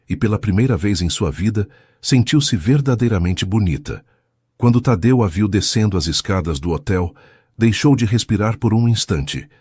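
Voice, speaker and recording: A man narrating a scripted romance story in a measured, dramatic way. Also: sits low, a little mellow, husky, dry recording, studio quality.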